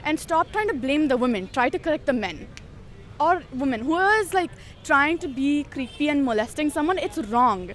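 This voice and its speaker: An outspoken woman gives her views in a street interview. Her voice is high, and her phrasing is casual and peppered with "like". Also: lively intonation, moderate pace, slight background noise. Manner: outspoken, frequent filler "like". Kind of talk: casual opinion-giving. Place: outdoors on a city street.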